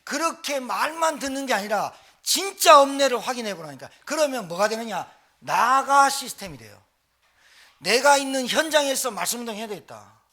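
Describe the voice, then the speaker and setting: A male pastor preaching a sermon in a church, talking fast with lively, exclamatory delivery. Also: very high-pitched. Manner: fast-talking, admits speaking too quickly.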